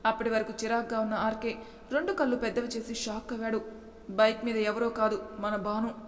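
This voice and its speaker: A woman reading a story aloud as narrator, steady and expressive. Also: a little high, a little fast. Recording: echoey room with long reverb.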